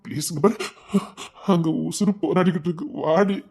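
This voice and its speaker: An anxious husband played by a man in a web drama, pleading and coaxing in a fairly high voice. He speaks with a Tirunelveli Tamil accent. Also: steady tone, brisk, darkish tone, breathy edge. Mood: begging. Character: anxious husband begging his wife.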